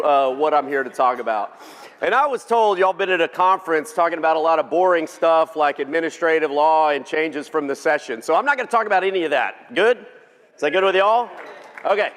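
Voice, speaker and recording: A man's voice: a little high, fairly bright tone. A man with a Texan accent giving a joking, folksy keynote speech to a luncheon crowd, asking the audience to vote along. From Texas. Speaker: keynote speaker. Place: large banquet hall. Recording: reverberant hall.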